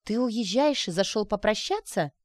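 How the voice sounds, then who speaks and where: A woman reading aloud and voicing a lively young woman who talks in a bright, teasing, chatty way. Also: medium pitch, normal speed, no room sound, studio quality, pitched above the performer's own voice, close to an everyday voice. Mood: whiny.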